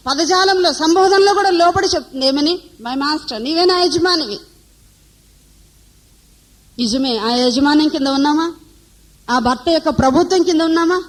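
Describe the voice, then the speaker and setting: Female preacher with a high voice, addressing a women's conference and quizzing her listeners. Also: low-quality recording. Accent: Telugu. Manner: asks the audience questions and answers them.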